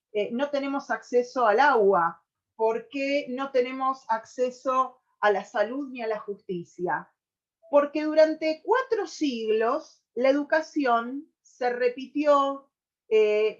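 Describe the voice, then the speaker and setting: An Argentine woman presenting on a radio program, explaining at length and pausing often on fillers as she gathers her thoughts. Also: on the high side, dull audio. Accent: Argentine Spanish. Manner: thoughtful, with many hesitations and restarts.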